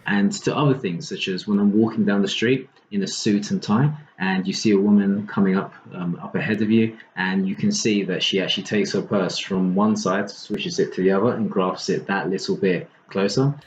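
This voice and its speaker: A man with a fairly low voice explains things in a measured way. The recording is a bit muffled, with a faint hiss underneath. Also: steady tone. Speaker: interviewee. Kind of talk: interview testimony.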